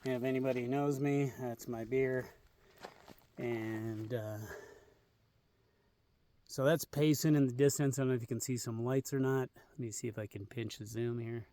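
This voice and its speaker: A man's voice: medium pitch, fairly even intonation, moderate pace, pauses often, dark tone, distant mic. A man casually vlogging from a clifftop campsite outdoors, rambling with lots of fillers. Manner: rambling, easygoing, many fillers. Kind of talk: casual camping vlog.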